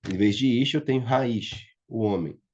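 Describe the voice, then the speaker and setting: A man's voice: lowish voice, moderate pace, darkish tone, slight background noise. A man with a Brazilian Portuguese accent teaching a Biblical Hebrew class online, patiently checking that his students follow. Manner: patient, checks understanding often with "tá?" and "certo?". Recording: muffled lo-fi audio.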